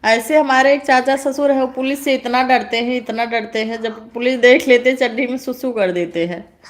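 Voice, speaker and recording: A woman's voice: fairly high pitch, normal speed. A woman hosting a casual live stream, greeting viewers and teasing them with frequent laughter. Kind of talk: casual live-stream chat reading comments.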